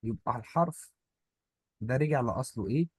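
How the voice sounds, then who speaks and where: A man's voice: medium pitch, fairly quick, husky, no echo. A man with an Egyptian Arabic accent teaching a language lesson in a playful, joking way, explaining with little stories. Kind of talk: informal online lesson.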